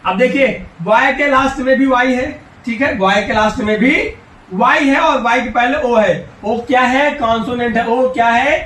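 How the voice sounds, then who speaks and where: A man with a very high-pitched, a bit bright voice teaches an English grammar lesson at a moderate pace, classroom style. He drills students by posing questions and answering them himself, coaxing and encouraging the children and addressing them directly. The room is echoey and his voice sounds distant.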